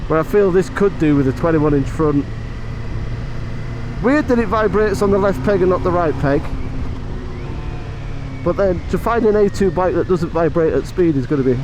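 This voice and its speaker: Man, high voice, casual motovlog commentary, chatty and off the cuff, helmet mic, clear wind and road noise. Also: normal speed, pauses often. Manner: off-the-cuff, chatty thinking aloud. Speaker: motorcycle vlogger and reviewer. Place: outdoors, riding a motorbike on mountain roads.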